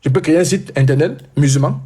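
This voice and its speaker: A man hosting a heated live debate, talking loudly and insistently and repeating himself. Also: on the high side, fast talker, slightly rough.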